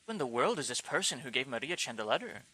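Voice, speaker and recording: A man's voice: mid-range voice, very animated, quick pace, pushed and bright, poor audio. Man reading as a shrewd middle-aged woman. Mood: coaxing.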